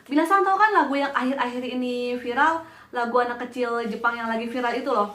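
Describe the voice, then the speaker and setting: A woman's voice: fairly high pitch, fast talker, a bit bright, reverberant. A woman giving a casual Japanese lesson, playfully mimicking animal sounds and bells as she explains words. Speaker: Japanese language teacher. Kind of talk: casual online language lesson.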